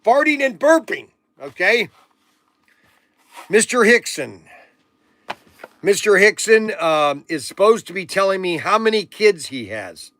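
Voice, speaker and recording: A man's voice: high-pitched, big pitch swings, measured pace, pauses often, a bit bright, no room sound. A man in his sixties hosting a casual livestream, rambling and joking with viewers as he reads out their comments. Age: 60s. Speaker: livestream auction host.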